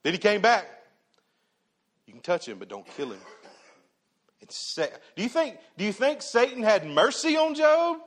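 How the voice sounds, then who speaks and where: A man preaching a sermon to his church, animated, asking rhetorical questions and dropping from loud bursts to hushed tones. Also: high voice, moderate pace, long pauses. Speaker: pastor.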